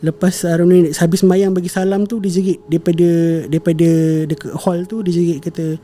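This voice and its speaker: A man's voice: high-pitched, steady tone, a little fast, dark tone, slight background noise. A young man, telling a family story as a podcast guest, with many fillers and self-corrections. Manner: rambling retelling with frequent fillers and self-corrections, mixing in English words. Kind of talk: casual storytelling conversation.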